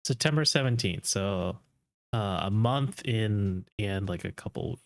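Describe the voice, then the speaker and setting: A man's voice: on the low side, unhurried, creaky. A man giving casual, off-the-cuff live commentary as a streamer reacting to game trailers.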